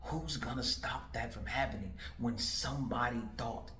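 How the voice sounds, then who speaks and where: A man's voice: medium pitch, normal speed, pushed and bright, a little hiss or hum. A man in his forties, a political candidate, talking straight to the viewer in an emphatic, repetitive way full of rhetorical questions. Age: 40s. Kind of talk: direct-to-camera political commentary. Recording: roomy echo.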